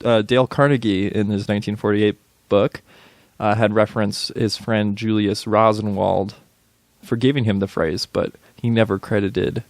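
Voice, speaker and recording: A man's voice: fairly low pitch, fairly even intonation, normal speed, no room sound. A young man co-hosting a podcast, talking in a casual, hesitant way with lots of fillers and easy laughs. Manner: hesitant, many fillers and restarts, laughs easily. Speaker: podcast co-host. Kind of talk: casual chat.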